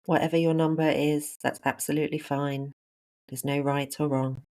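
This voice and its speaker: A meditation instructor guides a breathing practice in a very even, mid-pitched voice. The delivery is calm and unhurried, laid out in short, spaced phrases.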